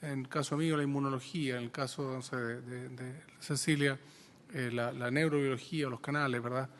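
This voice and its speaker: A man, a scientist speaking in a committee session, often halting and repeating words as he searches for them. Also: mid-range voice, steady tone, fairly bright tone. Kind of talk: committee discussion.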